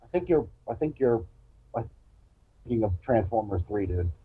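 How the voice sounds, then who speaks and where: A man co-hosting a casual chat, blunt, argumentative and quick to swear. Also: fairly low pitch, expressive, husky. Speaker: co-host. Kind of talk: casual chat with call-ins. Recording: tinny phone-like call line.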